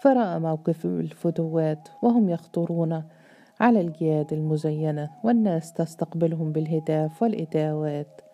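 A woman narrates a novel in a steady, measured voice. Her pitch sits low and her tone is very dark and mellow.

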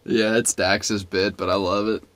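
A man's voice: fairly low pitch, level tone, measured pace, a bit bright, dry recording. A young adult man co-hosting a casual podcast chat, joking and teasing his co-host.

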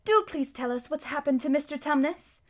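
An anxious young girl, earnest and pleading, as a woman reads her aloud. Her voice rides very high with rushed urgency. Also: natural voice.

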